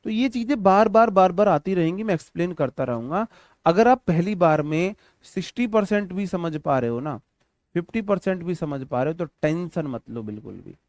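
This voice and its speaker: A man's voice: high-pitched, animated, moderate pace, a little mellow, dry recording, clean studio sound. A young man teaching English grammar in a Hindi-accented online exam-prep lesson, repeating each point and asking his students questions. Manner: repetitive, addresses students as brother, asks them questions.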